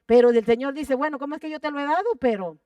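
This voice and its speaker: A woman's voice: high-pitched, fast talker, dry recording, distant mic, muffled recording. Fervent woman preaching, heard from afar. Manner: fervent, repeats phrases for emphasis, asks the congregation questions. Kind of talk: sermon. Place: church sanctuary.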